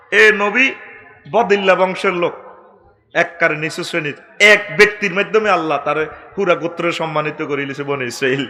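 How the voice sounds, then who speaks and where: A middle-aged man preaching a waz sermon, storytelling comically with sudden shouts. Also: high voice.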